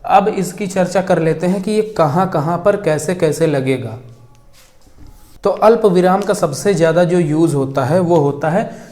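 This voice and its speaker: A young male teacher gives a grammar lesson at a board. His voice sits somewhat high, and he dictates slowly, saying each word again as he writes it down. He keeps asking questions and then answering them himself. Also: a little mellow. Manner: slow dictation, repeating words as he writes.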